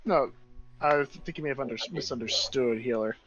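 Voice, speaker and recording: A man running a tabletop game as dungeon master, narrating with animated, drawn-out emphasis. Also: mid-range voice, highs cut off, slight background noise.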